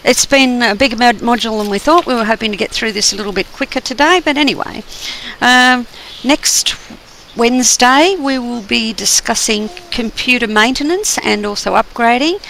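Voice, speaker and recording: A hoarse co-instructor wrapping up a class session in a relaxed, chatty way. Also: mid-range voice, normal speed, a little hiss or hum, poor audio. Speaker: co-instructor of a course. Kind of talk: spoken class wrap-up.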